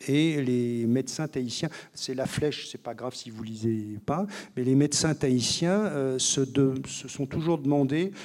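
A man's voice: medium pitch, moderate pace, hardly any pauses, darkish tone. Man in his role as a doctor explaining with lots of fillers, plain medium voice. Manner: didactic, many fillers and restarts. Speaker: liver doctor and author. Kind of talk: explanatory interview talk.

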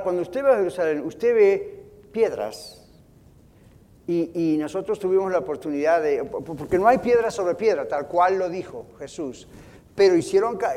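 A man preaching a sermon from the pulpit, earnest, slowing down and softening when he quotes scripture. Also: high voice, long reverb tail. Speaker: pastor. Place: church sanctuary.

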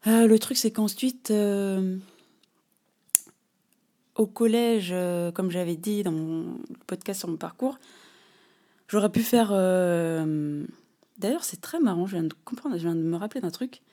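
A woman in her thirties hosting a solo podcast, telling a personal story in an animated, slangy way with lots of fillers. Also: mid-range voice, a little slow, long pauses. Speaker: podcast host. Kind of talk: casual solo podcast monologue.

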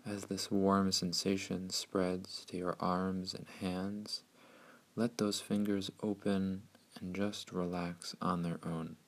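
A man narrating a scripted guided meditation in a soothing, hushed, unhurried way with long pauses. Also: low voice, flat delivery.

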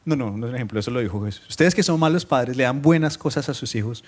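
A man preaching a Spanish-language sermon to his congregation, switching between loud, emphatic scripture reading and quiet, joking asides. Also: mid-range voice, quick pace. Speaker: pastor. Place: church meeting room, streamed live.

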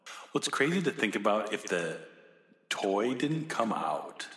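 Low-voiced male co-host in echoey room. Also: very animated, a little slow, fairly bright tone. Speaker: podcast co-host. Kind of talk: casual chat. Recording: echoey room with long reverb.

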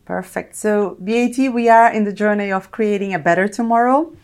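A middle-aged Brazilian woman with a Brazilian accent appears as an executive guest in a corporate interview. Her medium-pitched voice is brisk as she explains things reflectively.

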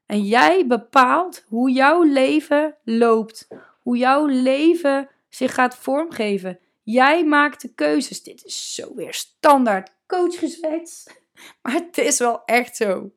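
Hosting a solo podcast, this woman coach has a high voice with lively intonation. Her delivery is casual but emphatic, slowing down whenever she wants to stress a point, and she mixes in English words.

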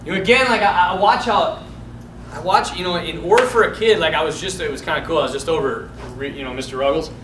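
A man's voice: fairly high pitch, fast talker. A man, a priest, giving an informal, sermon-like talk on parenting in a rambling, storytelling way, acting out the voices he quotes. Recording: echoey hall, distant mic, background noise.

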